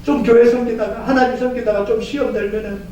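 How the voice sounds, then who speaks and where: A male pastor preaching a sermon in a church, telling stories in an animated way and often acting out voices. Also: extremely high pitch, fast talker, a little hiss or hum. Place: church sanctuary. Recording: echoey church from far off.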